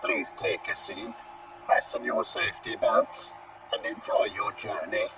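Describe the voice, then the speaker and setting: A man's voice: very high voice, wildly swooping pitch, a little slow, far from the mic, heavy background noise, exaggerated voice. A man voicing a whispering, formal male guide of a time machine in an audio drama. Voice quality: whispered, breathy. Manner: polite announcer tone.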